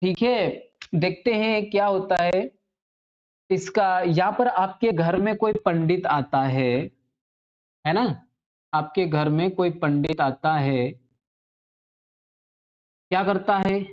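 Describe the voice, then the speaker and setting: A teacher giving a classroom grammar lecture, asking the class questions and then answering them, and repeating each definition slowly several times. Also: medium pitch, lo-fi sound.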